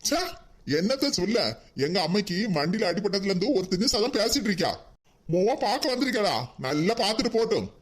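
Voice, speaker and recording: A man's voice: sits high, animated, fairly quick. A man voicing an exasperated married son in a cartoon, with a Kanyakumari Tamil accent, pleading and reasoning with his mother. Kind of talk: cartoon voice acting.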